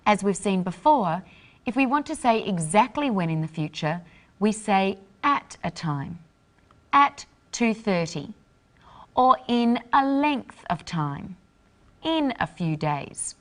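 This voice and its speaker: A woman hosting an English lesson, explaining phrases in a clear, deliberate teaching voice. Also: mid-range voice, sing-song. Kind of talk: scripted lesson narration.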